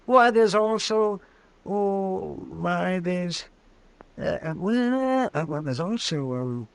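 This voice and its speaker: A man playing a crotchety older town doctor in a radio western, American, with a halting, muttering, pompous delivery. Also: high-pitched, expressive, vocal fry, heavily acted. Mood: grandly musing. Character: crotchety, theatrical older frontier town doctor, mock-preachy. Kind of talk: 1950s radio western acting.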